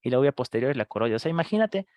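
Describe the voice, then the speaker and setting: A man teaching a live online medical class, firing quick questions at students and acting out screaming patients. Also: mid-range voice, big pitch swings, darkish tone, no room sound. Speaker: medical lecturer.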